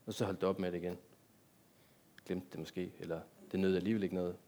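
A man's voice: low voice, flat delivery, warm tone. A man giving a sermon in a church, talking directly to the congregation and asking them many rhetorical questions. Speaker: pastor.

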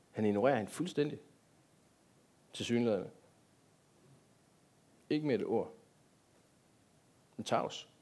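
Husky man preaching. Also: mid-range voice, darkish tone. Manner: conversational preaching with rhetorical questions to the congregation. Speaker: pastor. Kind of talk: sermon.

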